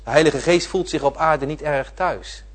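A man preaching a sermon, repeating his phrases and swinging from loud declarations to quiet asides. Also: a little high, moderate pace. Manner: emphatic, repeating phrases with swelling and dropping volume.

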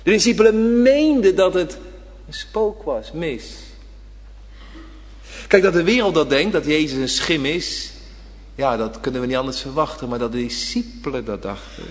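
A man preaching a sermon, dramatic, swinging from loud emphasis to near-whisper and asking the congregation rhetorical questions. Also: on the high side, normal speed, big-room sound.

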